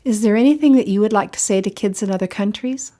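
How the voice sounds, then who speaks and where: Measured woman interviewer. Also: medium pitch, mellow. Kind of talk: scripted interview questions for English learners.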